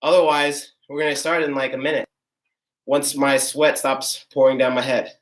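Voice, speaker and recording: In a mid-range voice with a level tone and moderate pace, a young fitness coach runs a live online workout. He's out of breath as he demonstrates and explains the moves, upbeat and casual throughout. The sound is far off and roomy.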